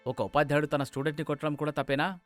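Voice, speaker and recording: A man's voice: on the high side, level tone, very fast, no echo, faint music behind, natural voice. A man voicing a puzzled, defensive middle-aged schoolteacher in a cartoon story. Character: calm middle-aged male schoolteacher, bewildered.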